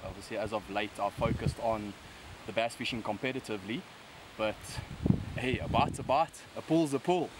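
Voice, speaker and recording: A man's voice: lowish voice, normal speed. A young man with a broad South African accent gives casual fishing commentary and tips outdoors on a river bank. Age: young adult. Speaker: angler presenting a fishing video. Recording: outdoor camera sound with background noise.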